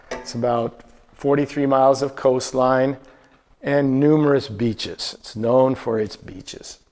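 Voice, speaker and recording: A man with a medium-pitched, somewhat dark voice gives a slideshow travel talk to a live audience. He keeps it conversational, asks the room questions, and frequently restarts his sentences.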